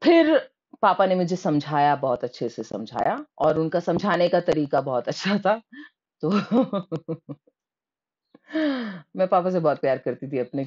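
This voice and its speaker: A woman from Rajasthan telling her own childhood memories in a lively, animated way, slipping English words into her speech. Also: low-pitched, dull audio. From Rajasthan, India. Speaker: storyteller. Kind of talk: personal storytelling.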